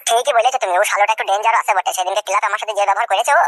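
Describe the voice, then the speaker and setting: A performer voicing a scheming young village man in a comic cartoon dub, talking low and grumbling. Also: steady tone, racing, a bit bright, no echo, studio quality, natural voice.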